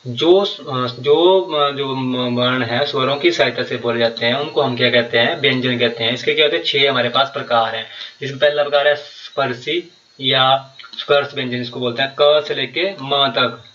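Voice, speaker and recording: A man's voice: mid-range voice, fairly even intonation, normal speed, bright, forceful tone, reverberant, recorded from a distance, lo-fi sound. A man teaching a grammar lesson for exam preparation, explaining step by step and repeating key terms with many fillers. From Himachal Pradesh, India.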